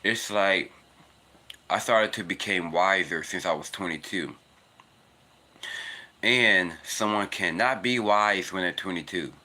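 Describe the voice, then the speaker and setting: A young vlogger in his twenties talks about faith in a casual spiritual monologue while walking outside in cold weather, earnest and rambling, returning again and again to "it's because." His voice is naturally deep yet pushed and bright, with a slow pace and long pauses.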